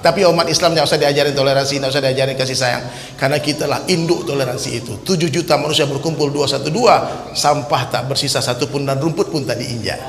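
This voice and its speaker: A man preaching a fiery sermon to a crowd, swinging from low asides to loud shouted exhortations. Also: fast. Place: large hall with crowd. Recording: echoey hall with crowd noise.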